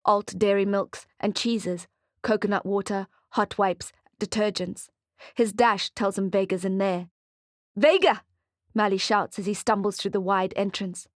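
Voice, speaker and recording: A woman's voice: medium pitch, little pitch movement, moderate pace, no echo, clean studio sound. Woman narrating a thriller audiobook. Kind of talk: scripted narration.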